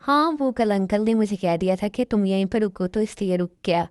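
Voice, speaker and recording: A woman voicing a calm, reserved young man in a fan dub, speaking low and quiet. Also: normal speed, smooth, dry recording, studio quality, close to an everyday voice. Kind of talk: fan dub dialogue acting.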